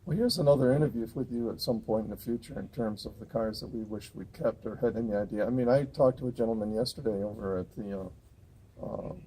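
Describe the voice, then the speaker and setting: A man's voice: lowish voice, fast talker, warm tone, slight background noise. A man hosting a casual interview at an outdoor car show, rambling and restarting his sentences. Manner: rambling, many fillers and restarts.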